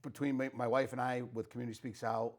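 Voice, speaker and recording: A man's voice: mid-range voice, little pitch movement, quick pace, a little mellow. Chatty man hosting an interview. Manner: chatty, rambling with restarts and fillers. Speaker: host. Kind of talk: casual interview.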